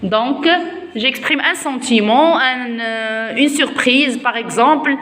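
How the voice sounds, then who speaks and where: A woman with a Moroccan accent teaching a French grammar lesson to her pupils in a classroom, explaining slowly with frequent asides in Arabic. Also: a little high, a bit bright, roomy sound, in a large hall. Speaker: primary school French teacher.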